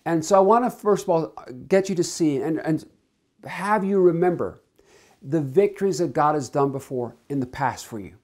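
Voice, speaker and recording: A man's voice: a little high, moderate pace, a little mellow. A man preaching a sermon, earnest and emphatic, stretching out key words and leading into a spoken prayer.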